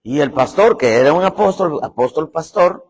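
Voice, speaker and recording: This man's voice is fairly high, animated and slightly rough, at a normal speed. He is preaching a sermon and telling a dramatic story, voicing the characters in quotes as he goes, and a long hall reverb hangs on the recording.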